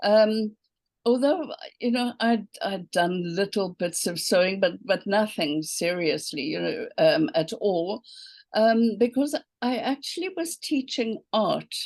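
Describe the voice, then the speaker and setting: A woman's voice: medium pitch, unhurried, a little mellow, no echo. A South African woman in her seventies, a quilting teacher telling her story in a casual interview over a video call, full of ums and okays. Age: 70s.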